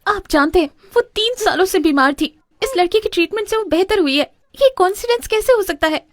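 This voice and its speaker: A woman's voice: extremely high pitch, lively intonation, a little fast, no room sound, clean studio sound. An actress playing an earnest young daughter begging her father, in a dubbed drama. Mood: pleading. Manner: pleading, earnest. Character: desperate young daughter pleading. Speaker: narrator and daughter. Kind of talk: Hindi dub of a drama series.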